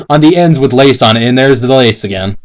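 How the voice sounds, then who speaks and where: Medium in pitch with lively intonation and a moderate pace, this man co-hosts a mock-dramatic fan fiction reading. His commentary is casual, full of giggles, stumbles, and exasperated swearing.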